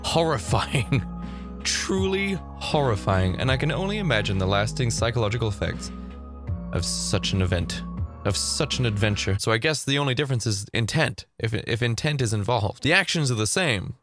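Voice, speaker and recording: Theatrical man with lively swings in tone. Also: mid-range voice, normal speed, music in the background. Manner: theatrical, swings between hushed and loud outbursts. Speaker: YouTuber. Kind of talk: casual video commentary. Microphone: close-up camera mic.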